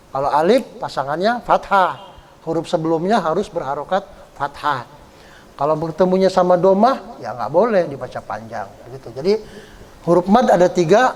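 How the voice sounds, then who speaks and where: A man teaching Quran reading rules step by step, often tagging his sentences with "ya" and drawing out example words slowly. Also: on the high side. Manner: explains step by step, often adds "ya"; draws out example words slowly when chanting them. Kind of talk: Quran recitation lesson. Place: study gathering hall.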